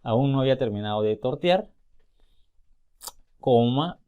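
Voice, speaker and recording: A man's voice: medium pitch, expressive, smooth, narrow, tinny audio. Man, teacher, step-by-step explanations, recorded class. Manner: explains step by step, slowly sounding out example words. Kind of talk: recorded spelling and grammar lesson.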